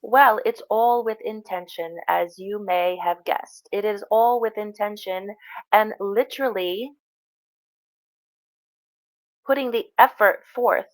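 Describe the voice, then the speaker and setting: A woman trance channeling a serene, reassuring spirit guide like a seance medium, speaking in measured, halting, instructive phrases. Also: mid-range voice, close to an everyday voice, low-quality recording. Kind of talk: spiritual channeling session answering questions.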